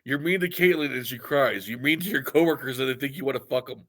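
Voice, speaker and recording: A man's voice: mid-range voice, fast, fairly bright tone. A man co-hosting a podcast, teasing his friend in casual crude chat and laughing often. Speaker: podcast co-host.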